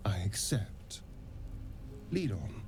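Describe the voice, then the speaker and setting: A man voicing a sly, charming vampire elf in a video game, silky, mocking and theatrical with soft laughs. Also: fairly low pitch, sing-song, extremely slow, whispered, faint music behind, full character voice.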